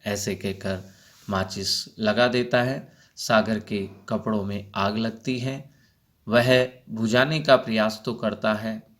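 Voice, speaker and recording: A male teacher reads a school play aloud, narrating the action and explaining the stage directions. His voice sits low and he takes it slowly. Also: fairly even intonation, fairly bright tone. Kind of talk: reading a play aloud for a class.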